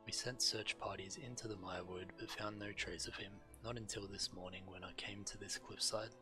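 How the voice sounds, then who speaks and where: With clear music in the background, a fairly low-voiced male streamer reads out quest text from a game. He sounds steady and moves at a brisk clip.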